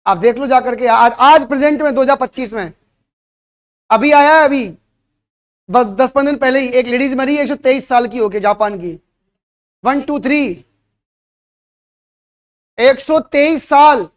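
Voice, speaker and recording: A man's voice: extremely high pitch, moderate pace, long pauses. A man teaching at a coaching center, giving a motivational classroom talk and throwing rhetorical questions at his students.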